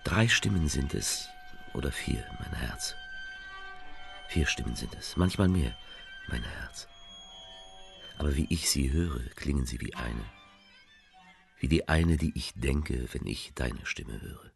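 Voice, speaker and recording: A man voicing a letter writer who speaks tenderly to a loved one, reading slowly and softly in a radio play, often sinking into a near whisper. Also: wildly swooping pitch, faint music behind, heavily acted. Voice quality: very deep, gravelly, husky. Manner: slow, hushed, often half-whispered.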